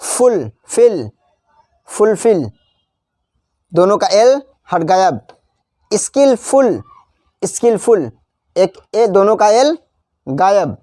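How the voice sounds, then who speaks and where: A man teaching a spelling lesson. He spells out letters slowly, repeats each example word, and slips into chatty asides. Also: sits high, lively intonation, warm tone, dry recording, studio quality. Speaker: English teacher. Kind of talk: classroom-style spelling lesson.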